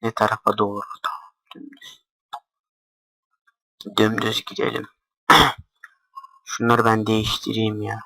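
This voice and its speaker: A man giving casual gameplay commentary, deliberately talking quietly and swearing offhandedly as he plays. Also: fairly low pitch, completely flat delivery, vocal fry, no room sound, poor audio. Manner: talks quietly on purpose, swears casually while playing.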